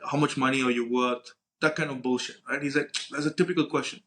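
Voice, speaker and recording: This young adult male podcast co-host has a medium-pitched, sharp voice with fairly even intonation and a fast delivery. He spins informal, sweary anecdotes in slang, performing the conversations and frequently adding "right?"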